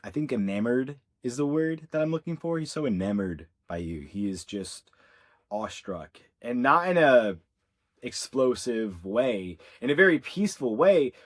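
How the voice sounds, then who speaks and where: A man's voice: medium pitch, big pitch swings, normal speed. A man in a middle register gives a channeled spiritual reading straight to his viewers. His tone is earnest and reassuring. He speaks casually and circles back to the same phrases for emphasis. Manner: conversational with fillers like "like" and "yeah". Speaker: ascension coach.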